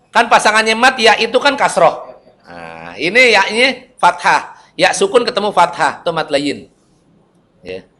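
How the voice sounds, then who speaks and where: A man's voice: high voice, sharp tone. A young man teaching Quran reading rules in a casual lesson, chatting loosely, reciting short examples and often correcting himself.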